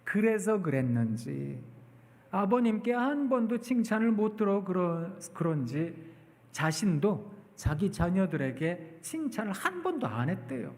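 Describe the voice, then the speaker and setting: A man preaching a storytelling sermon at a church, acting out the people in his stories with lively exclamations. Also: sits high, unhurried. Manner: animated, acts out quotes with exclamations. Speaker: guest preacher, professor. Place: church sanctuary. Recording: long church hall reverb.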